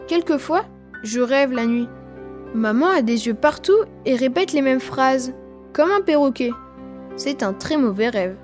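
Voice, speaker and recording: A woman's voice: high voice, animated, a little slow, faint music behind. A woman reading a children's story aloud for language learners, telling it expressively in the voice of a twelve-year-old boy. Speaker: reader.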